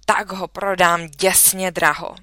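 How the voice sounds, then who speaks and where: A woman reading puts on a blunt, hungry storybook schoolboy with greasy hands, offhand and quick to bristle. The voice is bright and crisp, in a dry, close sound. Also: on the low side, flat delivery, dry recording.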